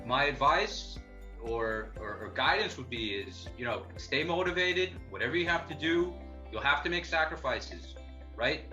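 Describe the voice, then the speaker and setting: A man's voice: mid-range voice, animated, moderate pace, sharp tone, lo-fi sound, faint music behind. A man, a doctoral student, giving motivational advice. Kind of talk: testimonial.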